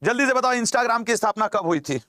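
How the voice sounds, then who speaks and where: A man's voice: very high-pitched, animated, a little fast, sharp tone, dry recording, clean studio sound. A man teaching an exam-prep class in a teasing, chatty way, repeating key terms, with a regional lilt.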